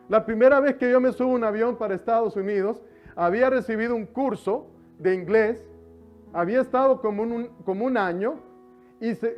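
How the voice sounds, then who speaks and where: A man preaching a sermon in church, joking with the congregation and drawing out words for emphasis. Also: extremely high pitch. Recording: slightly dull sound with music behind.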